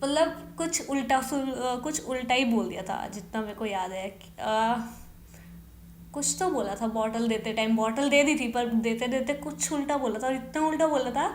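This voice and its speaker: A woman's voice: fairly high pitch, moderate pace, slight background noise. A young woman hosting her own podcast, casually telling stories from her student days and slipping English phrases into her talk. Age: young adult. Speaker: podcast host. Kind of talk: casual storytelling. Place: bedroom. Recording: echoey bedroom recording.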